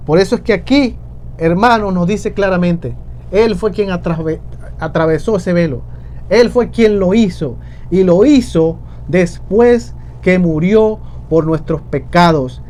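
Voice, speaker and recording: A man's voice: high-pitched, a little mellow, a little hiss or hum. A man preaching a sermon, addressing the congregation as brothers and repeating key phrases for emphasis. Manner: preaching with repetition, addressing "hermanos".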